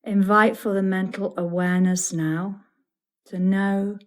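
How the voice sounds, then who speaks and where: A woman leads guided yoga nidra as the teacher, her voice medium in pitch and level in tone. She speaks soothingly and deliberately, in measured phrases broken up by pauses.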